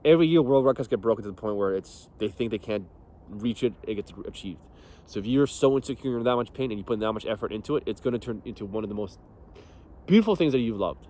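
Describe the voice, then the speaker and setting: A man's voice: fairly low pitch, expressive, fast, mellow. A young man, a fitness coach, talking casually and bluntly about training, swearing often and laughing as he tells stories. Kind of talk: casual motivational talk.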